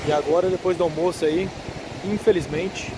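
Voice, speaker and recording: A man films a walking vlog on his phone along a windy beach boardwalk. His voice sits slightly high and his chat is easygoing, aimed at his viewers. Loud surf and wind roar around the phone mic. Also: moderate pace. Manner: relaxed, chatty, addresses viewers often. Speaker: vlogger filming the beach. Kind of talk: casual walking vlog commentary. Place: outdoors on a windy seaside boardwalk. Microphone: handheld phone camera. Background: waves and passing traffic.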